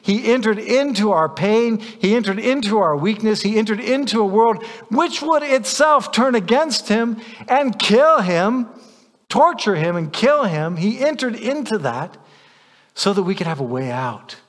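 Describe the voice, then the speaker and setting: A man's voice: sits high, animated, measured pace, big-room sound. A man preaching a sermon as a pastor, stressing points by repeating phrases.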